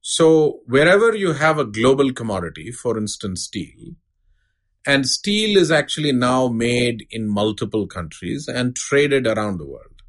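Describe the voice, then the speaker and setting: A middle-aged man giving a measured, unscripted explanation as an expert interview guest. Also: mid-range voice, very animated. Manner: measured, explanatory, uses analogies. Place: studio.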